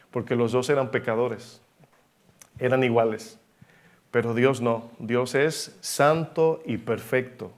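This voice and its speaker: A man's voice: medium pitch, steady tone, slow pace, long pauses. A man preaching a sermon in Spanish-language church style, emphatic, asking rhetorical questions and varying his pace.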